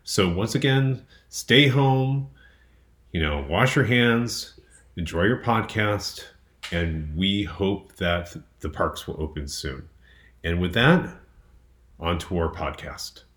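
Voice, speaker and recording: Deep-voiced man with animated intonation. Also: takes it slowly. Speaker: podcast co-host. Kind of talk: casual talk.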